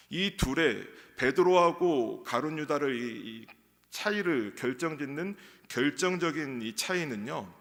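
Pastor, male, preaching in a gravel-edged voice that echoes in a reverberant sanctuary. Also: fairly bright tone. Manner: acts out quoted lines in a raised pitch. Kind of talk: sermon. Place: church sanctuary. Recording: long church hall reverb.

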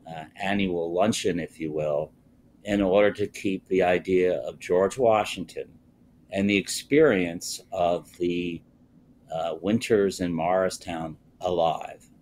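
Slow, low-voiced older man. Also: a little mellow, a little hiss or hum. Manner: slow, measured, frequent "uh" pauses. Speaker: guest. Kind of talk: live TV interview over video call. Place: indoors, wood-panelled office with bookshelves. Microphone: video call, webcam close up.

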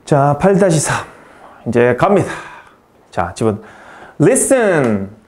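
Male English tutor, high-pitched, brisk, keeps quizzing the student. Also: sing-song, a little mellow. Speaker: English teacher. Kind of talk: grammar lesson.

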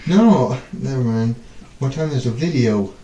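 A man in his twenties hosting a casual stunt vlog, talking in halting bursts and exclamations as he deals with the cold. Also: medium pitch, animated, warm tone, muffled recording. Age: 20s. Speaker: video host. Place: small bathroom, in the tub, filmed by another person's handheld camera. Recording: echoey bathroom with noticeable background noise.

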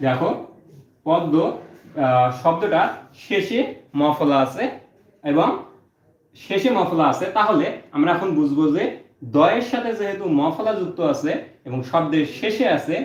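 A man's voice: on the high side, animated, normal speed, pauses often. A male teacher walks through each rule step by step and says every point twice. The sound is roomy and dull, with a lo-fi edge. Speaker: Bangla teacher. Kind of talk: online exam-prep lesson.

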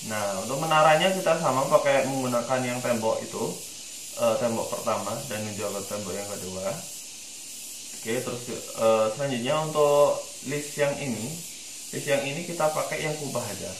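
A man's voice: mid-range voice, normal speed, roomy sound, slight background noise, low-quality recording. A man from Indonesia guiding a screen-recorded 3D modeling tutorial, thinking aloud with lots of fillers. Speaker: tutorial instructor.

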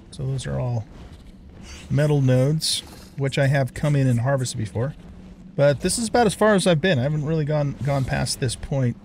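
A man's voice: medium pitch, a little mellow, a little hiss or hum. Older man rambling through gameplay. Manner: rambling, thinks aloud with fillers. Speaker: let's play host. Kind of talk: casual gameplay commentary.

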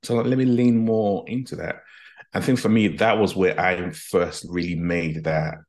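A man's voice: low-pitched, moderate pace, a little mellow. A man from Nigeria who grew up in Britain, a guest executive coach earnestly telling his story over a video call on a headset. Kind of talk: reflective storytelling. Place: home office, video call.

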